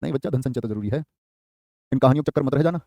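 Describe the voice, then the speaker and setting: This male teacher's voice is mid-range, creaky and dark, captured dry with studio quality. Running a live online exam-prep lesson, he quickly repeats key phrases for dictation and responds to students by name.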